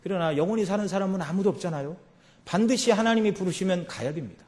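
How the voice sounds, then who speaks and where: Korean pastor preaching in conversational tones. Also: male voice, high-pitched, animated, fast talker, darkish tone. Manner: conversational preaching with frequent filler affirmations. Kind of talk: sermon. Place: church sanctuary.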